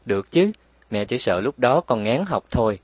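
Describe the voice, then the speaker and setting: A man voicing a tender but firm mother who explains patiently and scolds gently, in a raised voice. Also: mid-range voice, expressive, moderate pace, breathy edge, no room sound.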